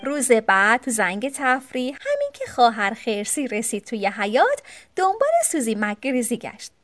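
Woman storyteller, high bright pitch, very lively melody, children's book reading. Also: soft background music. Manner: expressive storytelling. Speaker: narrator.

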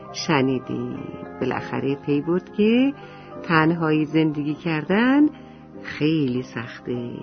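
A storyteller narrating a story to children in a lively way, sometimes dropping to a whisper. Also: mid-range voice. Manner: animated, often dropping to a whisper. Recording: dull lo-fi recording with faint music.

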